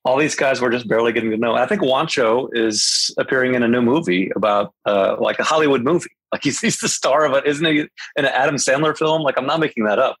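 A man with a husky, slightly breathy voice hosts a casual sports podcast. He talks in a chatty way and restarts his sentences often. The sound is dry and close. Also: mid-range voice, fast, hardly any pauses, a bit bright, no room sound, rough recording. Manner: chatty, many restarts and fillers. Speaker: podcast host.

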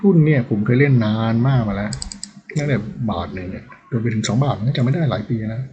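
A man's voice: mid-range voice, fast talker, lo-fi sound, slight background noise. A man hosting a stock trading channel, talking casually and rambling as he thinks aloud over charts.

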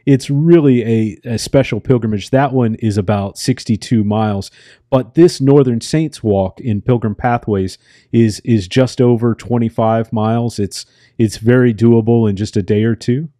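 An American man hosting a podcast, chatting in an unhurried, reflective way and searching for his words. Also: mid-range voice, mellow, dry recording, clean studio sound. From United States. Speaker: podcast host. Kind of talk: casual interview conversation.

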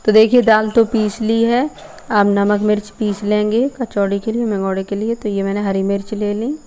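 Young woman from Uttar Pradesh, steady low-key cooking narration, flat delivery, mellow tone, faint outdoor background noise. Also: moderate pace. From Uttar Pradesh, India. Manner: plain step-by-step explaining. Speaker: village cooking vlogger. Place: rural courtyard, outdoors.

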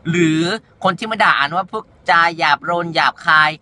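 A man's voice: on the high side, moderate pace, bright, forceful tone. A young man talking straight to the camera, answering online comments in a sassy, campy and blunt way. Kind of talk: candid monologue to camera.

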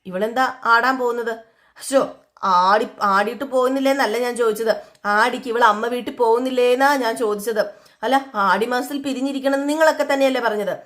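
A woman voicing a blunt, grumbling young husband in a retold TV serial, in a gruff complaining manner. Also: on the high side, brisk, a bit bright, lightly acted. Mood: irritated.

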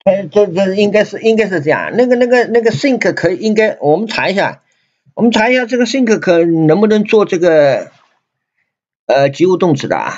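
A man with a Chinese accent teaching an English grammar lesson, repeating himself and reading English lines slowly. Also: sits high, big pitch swings, a little mellow. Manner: repetitive, many fillers and restarts, reads English slowly. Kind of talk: grammar lesson explaining sentences. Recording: dull lo-fi recording.

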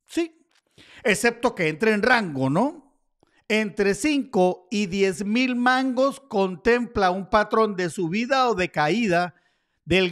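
A man with a notably high-pitched voice walks viewers through price charts in a chatty, informal way. He tosses in playful asides as he goes, keeping the commentary loose and conversational. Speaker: crypto chart analyst. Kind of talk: casual market commentary over charts.

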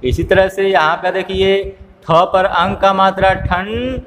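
A man teaching a phonics lesson to small children. He slowly spells words out syllable by syllable and keeps asking questions. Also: high-pitched, fairly even intonation, a bit bright, big-room sound, slight background noise. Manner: slow, drawn-out spelling aloud, syllable by syllable, with repeated questions.

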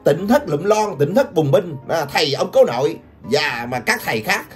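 An older woman delivers mocking gossip commentary, her voice bouncing up and down in pitch. She laughs and taunts as she talks to her viewers, with music playing underneath. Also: sing-song, normal speed. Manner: taunting, laughs often, addresses viewers constantly. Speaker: gossip vlogger. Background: background music.

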